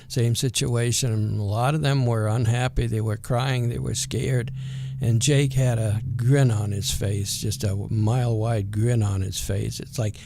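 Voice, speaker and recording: Slow, creaky older man, Vermont twang. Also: medium pitch, steady tone, mellow. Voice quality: natural rural twang. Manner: hesitant, folksy, unhurried. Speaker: interview guest. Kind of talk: casual conversational reminiscing.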